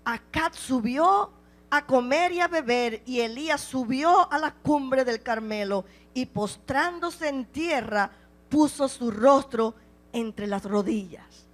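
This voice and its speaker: A woman's voice: sits high, takes it slowly. A woman preacher delivering a sermon, pressing the listeners with emphatic, repeated rhetorical questions.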